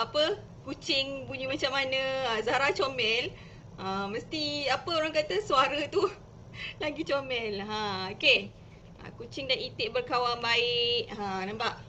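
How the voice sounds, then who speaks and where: A woman teacher with a Malaysian Malay accent giving casual live-stream tips, chatty and explaining step by step with lively emphasis. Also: high-pitched, slight background noise.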